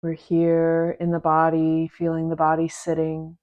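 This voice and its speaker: This guided meditation comes from a female teacher speaking slowly in a low, monotone voice over narrow, tinny audio. Her soft instructions arrive in short phrases with long pauses between them, in a gentle, unhurried manner.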